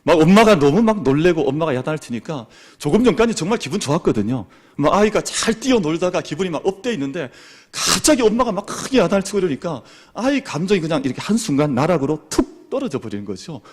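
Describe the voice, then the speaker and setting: Animated male pastor preaching. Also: a little high, fast talker, few pauses. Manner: animated, acts out parents' and children's words. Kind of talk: sermon. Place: church sanctuary.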